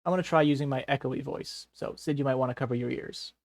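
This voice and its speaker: A man's voice: mid-range voice, fast talker, vocal fry, no echo. Dry-voiced man explaining things patiently. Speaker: streamer. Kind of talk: casual gameplay chat.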